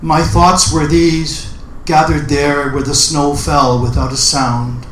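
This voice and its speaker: Measured male poet in a roomy space. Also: a little high, level tone. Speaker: poet at an open mic. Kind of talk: spoken introduction and dramatic poetry recital. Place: indoor open mic event room. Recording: roomy live recording with background noise.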